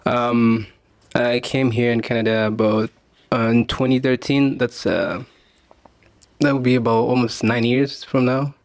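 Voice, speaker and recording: A man's voice: mid-range voice, unhurried, no echo. Laid-back young man from Tanzania. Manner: relaxed, laughs often, many fillers like "you know". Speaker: podcast guest. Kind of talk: casual interview chat.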